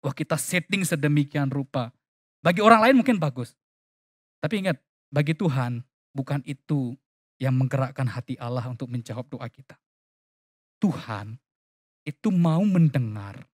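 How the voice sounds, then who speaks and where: Dry-sounding emphatic preacher man. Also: no room sound. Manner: emphatic, swinging between loud stresses and quiet low asides; keeps addressing the congregation with tag phrases. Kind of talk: sermon. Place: church.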